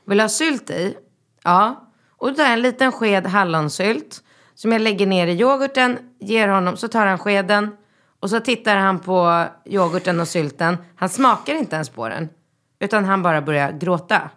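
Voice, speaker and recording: A woman in her thirties, a mother, chatting casually and telling a lively story, acting out the voices in it. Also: mid-range voice. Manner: lively storytelling with acted-out dialogue. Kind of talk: casual chat.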